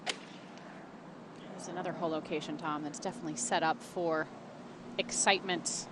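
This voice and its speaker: A woman's voice: low voice, steady tone, moderate pace. A woman giving live analysis as a golf commentator. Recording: very noisy outdoor broadcast.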